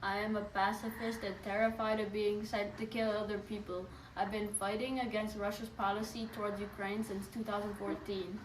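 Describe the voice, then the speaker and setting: A woman's voice: medium pitch, level tone, moderate pace, hardly any pauses, distant mic. A woman speaking as an interview guest, giving scripted answers. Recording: echoey room, off-mic, faint noise.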